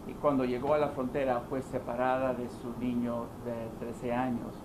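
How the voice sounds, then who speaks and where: A man introducing speakers at a news conference, speaking in a measured way with some hesitant fillers. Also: mid-range voice, level tone. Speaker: press conference moderator. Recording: noisy press room audio.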